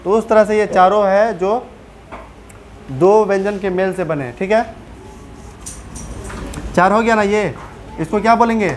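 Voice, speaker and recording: A woman's voice: mid-range voice, unhurried, pauses often, a little hiss or hum. A woman teacher with a Bihari Hindi accent, giving a classroom grammar lesson and often asking the pupils questions to check they follow.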